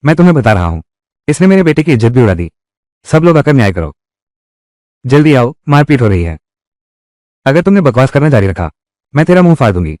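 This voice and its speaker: A man's voice: mid-range voice, big pitch swings, a little fast, pauses often, a little mellow, dry recording, clean studio sound. A man dubbing all the roles of a drama, with heated, quarrelsome delivery.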